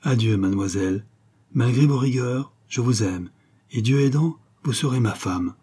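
A man's voice: mid-range voice, moderate pace, warm tone, slightly rough, close to an everyday voice. A man reading aloud, voicing a suave, evasive duke who is an impostor suitor. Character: smooth scheming male duke, an impostor suitor.

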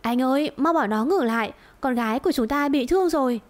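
A woman's voice: on the high side, expressive, normal speed, natural voice. A woman voicing a scheming middle-aged mistress who is spiteful and coy, speaking in a sneering, fawning way in a storybook tale. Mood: pleading.

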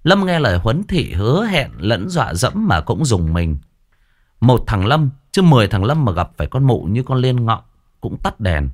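A man narrating a ghost story with dramatic, animated delivery. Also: mid-range voice, moderate pace.

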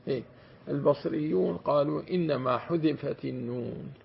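This sheikh's voice sits on the high side, with vocal fry and a breathy edge, at a normal speed. Teaching Quranic commentary in a grammar lecture, he elongates words for demonstration and checks his students are following; the dull lo-fi recording carries faint hiss.

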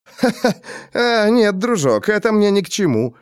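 A man's voice: high voice, sing-song, measured pace, smooth, no echo, studio quality, pitched above the performer's own voice. A man voicing a cruel, greedy gang boss who mocks and bullies his captives, in an audiobook. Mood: mocking. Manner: mocking, bullying.

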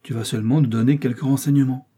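A man's voice: medium pitch, steady tone, quick pace, dark tone, husky, lightly acted. A man voicing a confident master detective who speaks firmly and reassuringly. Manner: firm, reassuring.

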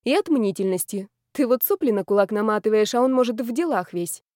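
Brief: a woman reads a shrewd, pushy female friend in an audiobook, loud and bossy. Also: on the high side, animated, no echo, clean studio sound, lightly acted. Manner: brisk, bossy and emphatic.

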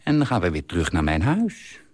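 A man's voice: sits low, brisk, no echo, studio quality, exaggerated voice. A man doing a chatty gossipy woman. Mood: confiding, chatty. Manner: lively, confiding storytelling. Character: chatty middle-aged working woman, gossipy. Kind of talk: reading a literary column aloud.

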